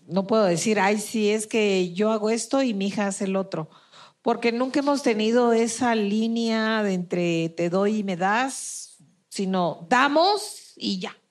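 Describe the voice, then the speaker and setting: A woman's voice: medium pitch, measured pace. A woman, a mother, chatting as a guest on a casual podcast in an easygoing way.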